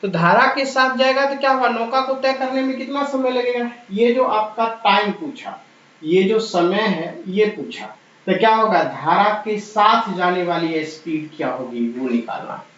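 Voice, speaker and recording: A man's voice: sits high, a little slow, fairly bright tone. Indian-math guy walking thru exam problems, super echoey room, muffled sound. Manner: repeats numbers aloud while working through problems, encouraging. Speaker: math teacher. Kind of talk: exam-prep math lesson.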